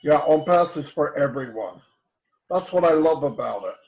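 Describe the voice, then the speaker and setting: A man's voice: on the high side, expressive, normal speed, darkish tone, rough recording. A man hosting a video call, talking in a reassuring, easygoing way. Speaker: host. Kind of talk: casual chat on a video call.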